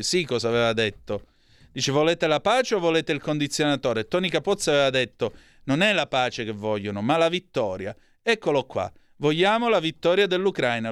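A man's voice: fairly high pitch, clear, resonant tone, dry recording, studio quality. A man hosting a live radio press review, reading headlines with hesitations, self-corrections and asides. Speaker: radio news host.

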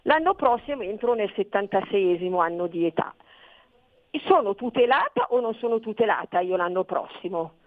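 A woman's voice: medium pitch, animated, moderate pace, no echo. A woman in her seventies calling in to a radio show over the phone, chatting and repeating herself as she explains her question. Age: 70s. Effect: phone-in caller on a radio show. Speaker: caller. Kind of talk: casual chat. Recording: tinny phone line.

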